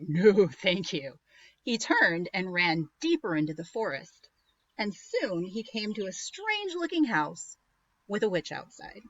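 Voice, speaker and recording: A woman teacher reading a storybook aloud in a slow, expressive way, on a muffled recording. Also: on the low side, no echo.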